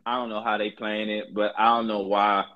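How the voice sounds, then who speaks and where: A man's voice: fairly low pitch, level tone, fairly quick, highs cut off. A man chatting casually about sports like a fan commentator, in slangy, profane, emphatic buddy talk.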